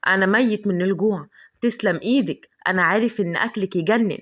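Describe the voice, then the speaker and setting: A woman with an Egyptian accent voicing a cocky, bossy young man in a storybook tale, talking in a smug, teasing, lowered voice. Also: fast, a bit bright, lightly acted.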